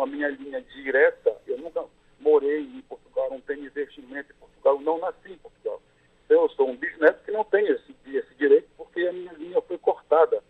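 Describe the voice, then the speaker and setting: A Brazilian lawyer answers interview questions in a measured, step-by-step way, pausing on fillers as he works through each point. His voice is a little high and husky, and it comes through a thin, tinny phone line.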